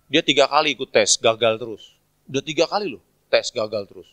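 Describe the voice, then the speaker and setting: A male pastor telling a story in a chatty, animated sermon at a church service, often asking the congregation to agree. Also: mid-range voice, brisk, no echo.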